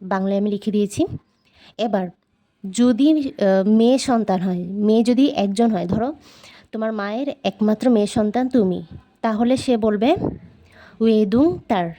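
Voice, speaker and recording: A woman with a Bangladeshi Bengali accent gives a patient, casual vocabulary lesson. She says each word slowly and repeats it several times. Her voice has a warm, mellow tone. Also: mid-range voice. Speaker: language teacher.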